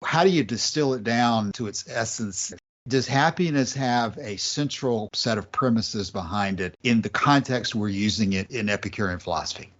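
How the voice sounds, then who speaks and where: A lower-pitched man leading a casual podcast talk, setting up each topic and handing it over with a question. The sound is somewhat muffled and lo-fi. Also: moderate pace, a bit bright. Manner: guiding, asks questions. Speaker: podcast host. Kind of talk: casual discussion.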